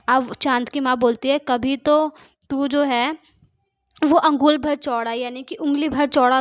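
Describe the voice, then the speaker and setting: A woman teacher going through a poem line by line, reading each verse slowly and then explaining it in simple everyday words with some English mixed in. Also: high-pitched.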